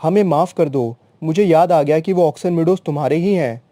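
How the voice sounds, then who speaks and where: A man voicing a quick-tempered young woman who argues and interrupts. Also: fairly high pitch, mellow, no room sound, clean studio sound, close to an everyday voice. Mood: eager. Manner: indignant, interrupting, argumentative.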